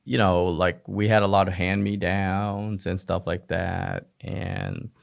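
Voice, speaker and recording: In a slow, creaky, low-pitched voice with a flat delivery, a physician on a podcast recounts personal anecdotes informally, poking fun at himself with rhetorical questions. He grew up in Oklahoma and other parts of the United States in a Vietnamese family.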